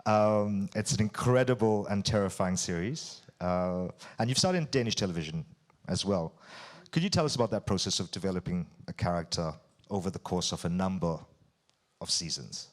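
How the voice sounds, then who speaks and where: A man hosting an interview, putting prepared questions in articulate, deliberate phrases. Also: low voice. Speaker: interviewer hosting an on-stage conversation.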